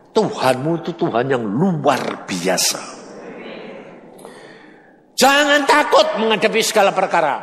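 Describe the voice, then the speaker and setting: A man in his seventies with a Javanese accent preaching a storytelling sermon, dropping to low asides and then rising to shouted declarations. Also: in a large hall, slight background noise. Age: 70s.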